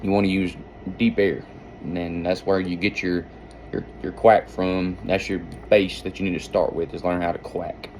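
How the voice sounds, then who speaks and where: Low-voiced man giving an informal tutorial. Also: level tone, normal speed, a little mellow, a little hiss or hum, low-quality recording. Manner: folksy, rambling explanations. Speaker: duck-calling instructor and hunter.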